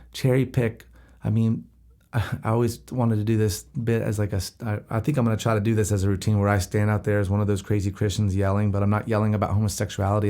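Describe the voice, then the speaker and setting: Low-ish guy rambling on his podcast, lots of restarts, chatty. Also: warm tone. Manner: rambling and conversational, with many restarts and laughs. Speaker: podcast host. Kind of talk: casual solo monologue.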